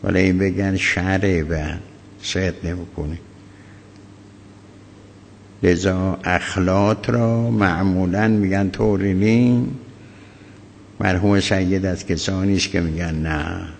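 A man, a cleric, teaching a religious law lesson in a measured, halting way with many pauses and fillers. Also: low voice, steady tone, gravelly, a little hiss or hum. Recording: echoey hall, faint ambience.

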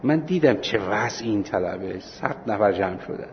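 A man teaching a seminary class on Islamic law, telling anecdotes with acted-out dialogue and slowing down for points of law. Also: on the low side, lively intonation, dull audio, slight background noise. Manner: storytelling, acting out dialogue, slows for points of law.

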